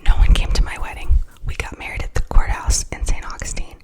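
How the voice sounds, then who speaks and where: Whispering ASMR woman, soft and breathy. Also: a little fast. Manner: soft, intimate, soothing, repeats words and phrases. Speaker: ASMR creator and host. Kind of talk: whispered ASMR unboxing and chat.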